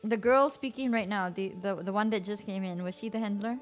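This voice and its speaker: A woman livestreaming a game with casual, expressive commentary and some swearing. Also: mid-range voice, brisk, soft background music.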